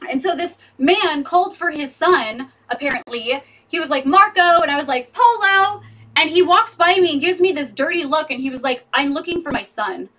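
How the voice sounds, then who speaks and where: A woman's voice: sits high, fairly quick, hardly any pauses, a bit bright, far from the mic. A woman in her thirties chatting casually and rambling with her viewers, laughing often. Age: 30s. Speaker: vlogger. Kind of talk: casual live chat with viewers. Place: home with street traffic outside.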